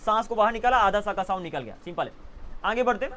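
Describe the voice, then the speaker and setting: A male English teacher giving a classroom lesson to live students, teasing them playfully and repeating words slowly as drills. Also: high voice, expressive, a bit bright, a little hiss or hum.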